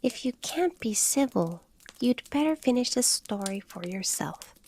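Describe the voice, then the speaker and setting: A woman's voice: high-pitched, lively intonation, slow, a little mellow, slight background noise, voice pushed up, heavily acted. A woman voicing a sleepy, touchy little male dormouse in a storybook reading. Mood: sulky sleepy. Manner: drowsy, huffy.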